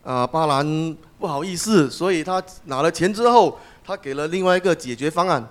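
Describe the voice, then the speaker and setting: A man's voice: fairly high pitch, expressive, a little fast. A man interpreting a sermon phrase by phrase, with some hesitations as he goes.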